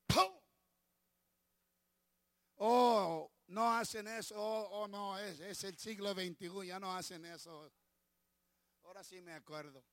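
A male preacher delivering a sermon, swinging from quiet asides to shouted declarations and slipping into English phrases. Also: high voice, fairly even intonation, measured pace, no room sound, studio quality. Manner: dramatic, slips into English phrases.

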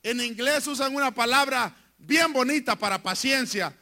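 A male pastor preaching a fervent sermon from a church pulpit, moving between hushed asides and shouted lines. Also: very high voice, moderate pace.

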